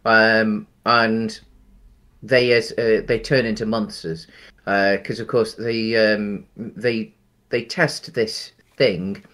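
On a headset during a video call from a small room at home, a podcast co-host in his thirties discusses a film casually. His voice is on the low side and fairly bright, with a level tone, and he takes it slowly, sounding hesitant with lots of ums and restarts.

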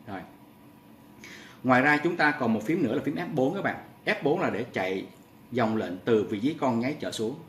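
A man's voice: mid-range voice, lively intonation, normal speed, a bit bright. A man teaching programming step by step in a screen-recorded tutorial, repeating each key press and often turning to address his viewers. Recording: echoey room with faint ambient noise.

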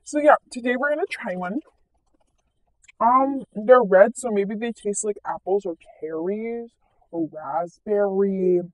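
A woman's voice: medium pitch, unhurried, dry recording, low-quality recording. A woman playing a scatterbrained mom in a comedic vlog sketch, rambling and breaking into melodramatic outbursts. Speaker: parody mom vlogger.

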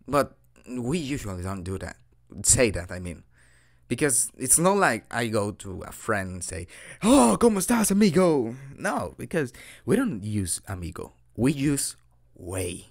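With big pitch swings, vocal fry and a slightly slow pace, a young Mexican man with a medium-pitched voice and Mexican accent improvises a casual language lesson as a boyfriend. The native Spanish speaker is giggly, dorky, hesitant and self-deprecating in this audio roleplay.

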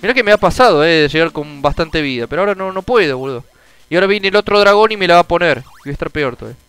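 Excitable Rioplatense man gaming, cursing loudly. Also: on the high side, racing, clear, resonant tone, soft background music, poor audio. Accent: Rioplatense Spanish. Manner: frustrated, swears often, bursts into shouting. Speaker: gameplay streamer. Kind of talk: casual gameplay commentary.

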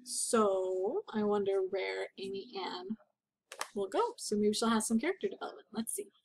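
A woman's voice: medium pitch, lively intonation, moderate pace, vocal fry, a little hiss or hum. A woman reading a children's book aloud to young listeners, stopping to explain words and ask them questions.

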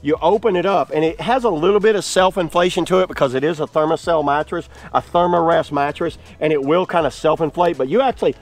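A man's voice: on the high side, quick pace, hardly any pauses. A man filming his own hands-on gear demo outdoors on grass, chatty and enthusiastic, full of "like" fillers. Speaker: product reviewer. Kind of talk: casual hands-on product demo.

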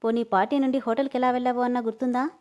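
A woman voicing a loving, teasing young husband who protects his wife, speaking quickly and a little lower than her own voice. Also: little pitch movement, a little mellow, muffled recording. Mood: tender.

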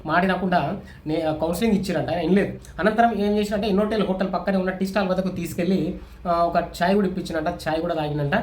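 A man's voice: high-pitched, fairly even intonation, quick pace. A man giving casual, opinionated spoken news commentary, with many restarts and fillers. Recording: echoey room with faint ambient noise.

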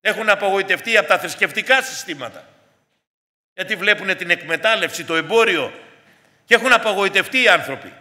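A man's voice: high-pitched, expressive, pushed and bright. A man preaching a sermon in an earnest way, often calling out to his congregation as dear brothers and sisters. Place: church hall. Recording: long hall reverb.

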